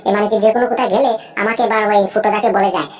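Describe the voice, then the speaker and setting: A woman's voice: medium pitch, steady tone, rapid-fire, darkish tone, a little hiss or hum, close to an everyday voice. A woman voicing a young boy in a cartoon who asks earnest, questioning things. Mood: worried. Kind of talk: cartoon voice acting.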